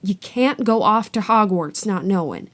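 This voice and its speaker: A woman voicing a big, gruff half-giant man who blusters loudly and then turns worried. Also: mid-range voice, lively intonation, unhurried, natural voice. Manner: blustering, loud outbursts.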